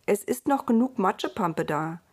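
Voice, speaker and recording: A woman's voice: mid-range voice, expressive, moderate pace, breathy edge. A woman reading the part of Adam in a storybook, the lonely first man asking earnestly and pleadingly.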